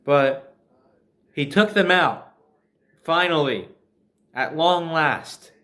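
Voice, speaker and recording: With a bright, forceful voice on the high side, a man from New Jersey speaks very slowly in an American accent. He shares a personal story conversationally and casually, sprinkling in sardonic remarks.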